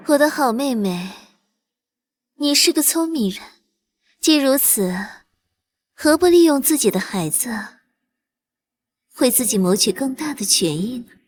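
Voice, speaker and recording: A high-voiced, haughty imperial consort who commands with icy contempt. She plots coolly and snaps orders as if the whole palace answers to her. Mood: scornful. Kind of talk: period costume drama acting.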